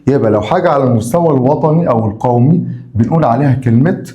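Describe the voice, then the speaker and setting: Egyptian teacher drilling English words. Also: male voice, mid-range voice, lively intonation, dark tone, echoey room, dull audio. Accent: Egyptian Arabic. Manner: repeats each English word slowly, then explains it in Arabic; asks rhetorical questions to prompt students. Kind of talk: vocabulary lesson for school pupils.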